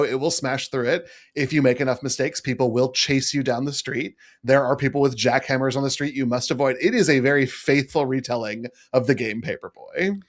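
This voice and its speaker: Wry animated man co-hosting a podcast. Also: mid-range voice. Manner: animated, wry, laughs often. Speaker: podcast co-host. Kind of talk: casual chat.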